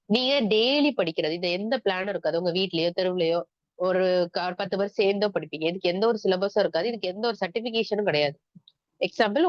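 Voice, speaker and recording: Here a Tamil-accented woman leads an online exam-prep lecture, questioning the class as she explains each step and blending English terms into Tamil speech. She has a mid-range voice, captured in a dry, muffled lo-fi recording.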